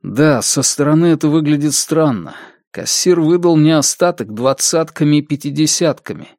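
A man reading the lines of a dazed, grieving widower who speaks quietly and hesitantly, in an audiobook. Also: on the high side, expressive, normal speed, dry recording, studio quality, pitched above the performer's own voice. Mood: numb.

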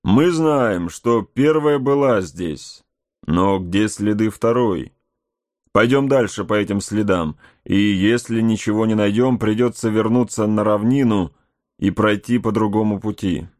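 A man reading aloud voices an aging frontier scout, shrewd and steady, speaking in a deliberate, musing way. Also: fairly low pitch, no room sound, studio quality, close to an everyday voice.

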